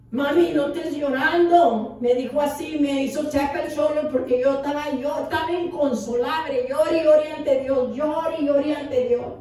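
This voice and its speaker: A high-pitched woman pastor preaches a testimony sermon with passion, repeating her words again and again for weight. Her voice rings through a large echoing church and is heard from a distance, far from the microphone. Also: dark tone, slight background noise. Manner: impassioned, repeats words for emphasis. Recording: echoey hall from far off.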